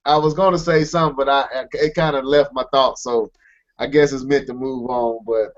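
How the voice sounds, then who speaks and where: A man's voice: medium pitch, fairly even intonation, a little fast, lo-fi sound. A man co-hosting a podcast, talking earnestly and emphatically in casual chat, circling back with restarts. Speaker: podcast co-host.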